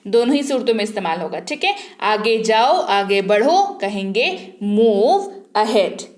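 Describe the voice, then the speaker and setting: A woman teaching an online English speaking class, reading each phrase slowly and repeating it twice for learners to copy. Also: on the high side, expressive, echoey room. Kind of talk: spoken English lesson.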